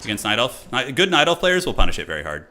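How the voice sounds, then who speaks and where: Quick, bright, and pushed, this streamer's medium-pitched voice has a sing-song lilt. He gives slangy, casual commentary on his own match as he plays, walking through his moves and cursing mildly at times.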